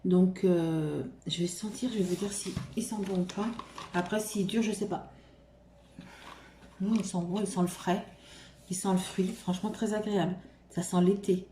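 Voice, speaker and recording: Woman vlogger, casual haul chat, hesitant with lots of fillers, mellow tone, roomy echo. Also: lowish voice, fairly even intonation, moderate pace, slight background noise. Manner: hesitant, full of fillers and restarts. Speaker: vlogger showing shopping haul. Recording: roomy echo, faint room ambience.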